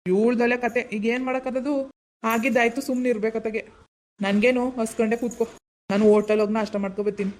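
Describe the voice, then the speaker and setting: A man's voice: extremely high pitch, little pitch movement, fast talker. A voice actor playing a blunt, practical village husband in a cartoon who lectures and nags his wife. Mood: grumbling. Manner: nagging, lecturing. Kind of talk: Kannada cartoon voice acting.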